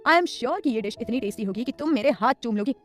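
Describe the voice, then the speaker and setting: A woman's voice: on the high side, lively intonation, fairly quick, faint music behind, close to an everyday voice. A woman doing a grumbling proud young husband. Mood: boastful. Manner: muttering, complaining.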